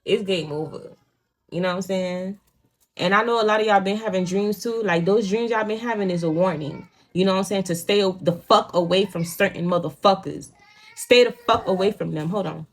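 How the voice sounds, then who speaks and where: This tarot reader talks fairly quickly in a mid-range voice. The young woman, raised in a Haitian home and a native speaker of Creole, carries a Haitian Creole accent and keeps her casual reading blunt and profane, full of "you know what I'm saying."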